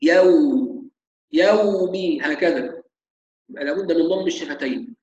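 A man teaching Quran recitation, slowly demonstrating sounds and repeating them. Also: fairly high pitch, a little mellow, reverberant, muffled recording, slight background noise. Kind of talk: tajweed lesson.

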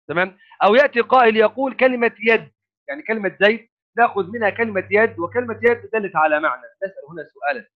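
Male grammar teacher, high voice, phone-line audio, explains step by step. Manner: repeats and restarts words while thinking, asks rhetorical questions. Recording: phone-like narrow sound.

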